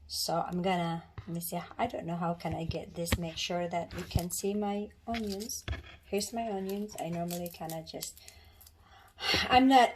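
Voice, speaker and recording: A woman's voice: mid-range voice, background noise. A woman from the Philippines casually talking through a home cooking demonstration in her kitchen, rambling and restarting often. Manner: chatty, rambling, with many restarts and fillers.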